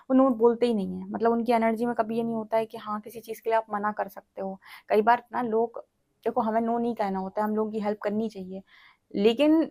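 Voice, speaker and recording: A woman's voice: a little high, darkish tone. A woman giving a tarot reading in a direct, lecturing way, often checking in with the listener. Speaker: tarot reader.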